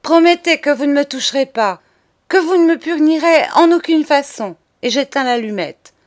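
A woman plays a hot-headed poor boy from a storybook, bold and insolent. He talks back with a raised, quick voice, daring and stubborn. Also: mid-range voice, natural voice. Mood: defiant. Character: defiant, cheeky poor young boy.

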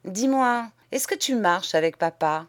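A woman's voice: medium pitch, lively intonation, measured pace, close to an everyday voice. A woman voicing a cynical, spoiled young Parisian man with a drawling Paris accent, mocking and gleeful, in an audiobook. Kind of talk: audiobook character voice.

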